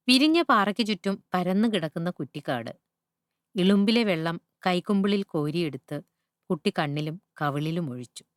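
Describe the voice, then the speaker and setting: A woman narrating a literary short story in a measured, deliberate reading voice. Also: fairly low pitch, dry recording, clean studio sound.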